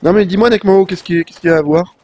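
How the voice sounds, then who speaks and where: Talking fast in a high, mellow voice, a young man streams a video game live while nursing a head cold. His chatter is casual and rambling, full of slang and fillers.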